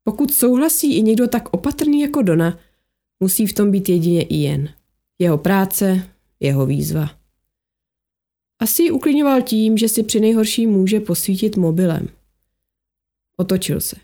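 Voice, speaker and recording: A woman narrating an audiobook in a steady, measured storytelling manner. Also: mid-range voice.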